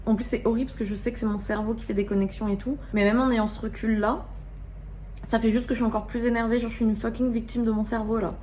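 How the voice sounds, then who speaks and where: A woman's voice: a little high, flat delivery, fast, dark tone, a little hiss or hum. A young woman vlogging at home, talking casually and candidly in slangy speech, openly irritated. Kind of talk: casual confessional vlog.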